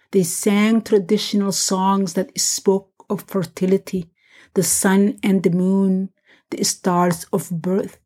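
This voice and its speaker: Woman storyteller, podcast host, scripted narration, measured gentle reading, warm dark tone, slightly breathy. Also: medium pitch.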